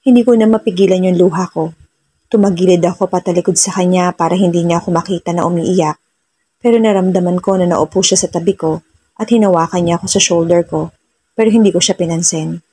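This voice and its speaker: A woman narrating a romance story in the first person, soft-spoken and switching between Tagalog and English. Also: fairly low pitch, fairly even intonation, a little fast, breathy edge.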